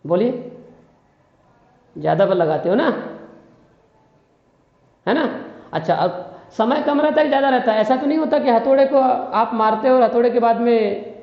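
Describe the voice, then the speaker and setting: A man's voice: very high-pitched, lively intonation, moderate pace, gravelly, pauses often. A male physics teacher giving a classroom lecture, constantly asking questions and repeating key phrases. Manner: questioning, quizzes listeners constantly. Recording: dull, echoey room with long reverb.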